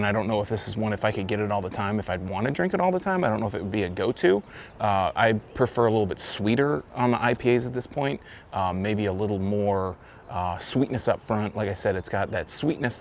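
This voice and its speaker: A man records a casual beer review vlog outside in windy weather, with a faint wind hiss in the background. His voice is fairly low and fairly quick, with a gravelly, fry-laden edge. He's loose and rambling, constantly restarting and correcting himself.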